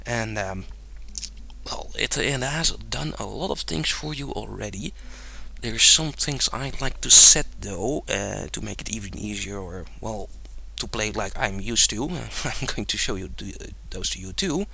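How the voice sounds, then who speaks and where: At a measured pace, a young Dutch man casually talks through a game tutorial on his screen, his lowish voice creaky and his Dutch accent clear. He is relaxed and digressive, leaning on fillers and chuckling frequently.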